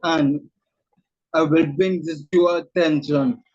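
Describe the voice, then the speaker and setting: A man's voice: fairly high pitch, fairly even intonation, slow pace, darkish tone, no echo. A man with a voice that shakes from a throat tremor, earnestly telling his personal story as a guest over a video call. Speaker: author guest. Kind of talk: personal testimony in an interview. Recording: muffled lo-fi call audio.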